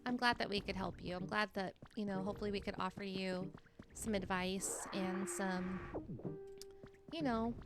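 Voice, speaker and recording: A woman in her late thirties, chatting casually on a live stream and encouraging her chat while reading their messages aloud. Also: medium pitch. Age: 30s.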